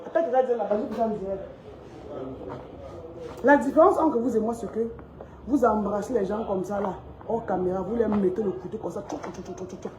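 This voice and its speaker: A woman's voice: medium pitch, fairly quick, pauses often, crowd noise. A woman, a shop owner giving a heated social media rant, talking straight to her followers in an emphatic, repetitive, confrontational way. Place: inside her shop, indoors. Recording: roomy shop with faint background ambience.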